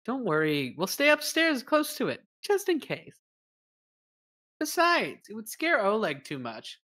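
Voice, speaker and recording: A woman's voice: a little high, huge pitch swings, measured pace, a bit bright. A woman streamer chatting casually during a game, playful and teasing, with casual swearing. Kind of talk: casual gameplay banter.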